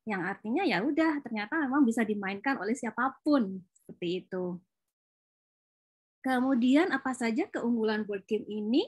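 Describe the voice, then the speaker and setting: A woman's voice: on the high side, expressive, normal speed, slightly rough. Chatty woman presenter. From Java, Indonesia. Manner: chatty, explanatory, frequent fillers and laughs. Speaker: board game creator presenting at a launch. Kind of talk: informal presentation.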